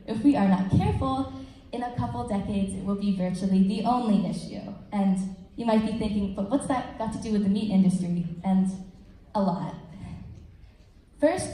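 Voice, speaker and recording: A young woman delivers a prepared student speech in an earnest, persuasive way. Her voice is soft-edged and mellow at an ordinary female pitch. It rings around a very reverberant school hall with faint noise behind it. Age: teens to young adult, upper-school student. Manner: earnest, with casual asides. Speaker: student speaker at a school assembly. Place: large room at a school assembly.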